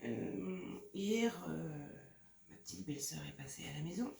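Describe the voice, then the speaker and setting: Gushing woman with a gravelly voice. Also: low-pitched, very animated, unhurried, mellow. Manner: gushing, lots of "franchement" and "regardez-moi ça". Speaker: scrapbooking vlogger. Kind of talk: casual show-and-tell. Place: home craft room. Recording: echoey room from a distance, noisy.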